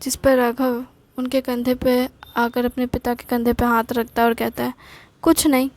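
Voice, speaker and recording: A woman narrating a story in a plain, unhurried telling. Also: on the high side, little pitch movement, a little mellow, no room sound.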